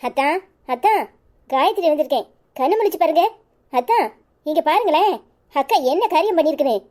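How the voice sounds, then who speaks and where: A woman with a Kanyakumari Tamil accent voicing a calm, reassuring young woman in a cartoon. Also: sits high, a little fast. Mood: urgent. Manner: soothing, reassuring. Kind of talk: cartoon voice acting.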